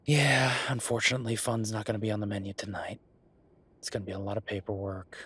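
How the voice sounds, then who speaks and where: In an intimate audio roleplay, a man plays a wry, affectionate werewolf bureaucrat, chatting casually and haltingly like a laid-back boyfriend at the office. His husky, lowish voice is level with little rise and fall, slightly bright. He sounds weary yet reassuring.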